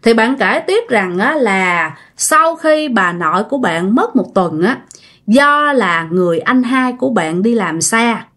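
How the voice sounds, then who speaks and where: A woman's voice: fairly high pitch, fairly bright tone. A woman, casually retelling a ghost story in a conversational way, with trailing fillers at the ends of her phrases.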